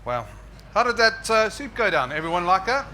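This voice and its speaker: A man's voice: high-pitched, very animated, moderate pace, bright, forceful tone. A South African man with a whistling s, chatting informally as he gives a live cookery demonstration as a chef. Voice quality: whistling s from a false tooth. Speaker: chef giving a cooking demonstration. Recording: live event with clear background noise.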